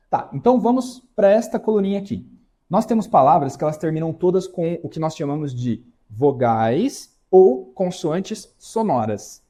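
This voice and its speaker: A man's voice: fairly high pitch, mellow. A man teaching an English pronunciation lesson, explaining step by step and asking the viewer questions.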